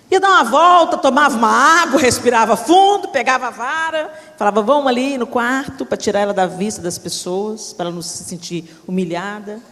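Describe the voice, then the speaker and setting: A middle-aged woman preacher, telling a story in a sermon with lively, dramatic delivery and acted-out voices. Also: a little high. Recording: echoey hall reverb.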